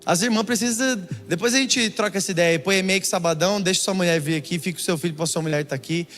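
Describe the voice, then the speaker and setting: High-voiced pastor telling a comic sermon story. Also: male voice, fast talker. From Brazil. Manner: animated, keeps calling the listener brother. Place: church auditorium. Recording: long church reverb with soft music.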